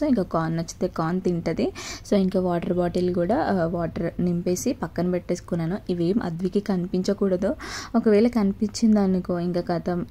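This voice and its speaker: A woman's voice: lowish voice, warm tone, slight background noise. A young adult woman, a mother, narrating her home vlog in a chatty, step-by-step way with frequent filler sounds. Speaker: vlogger and mother.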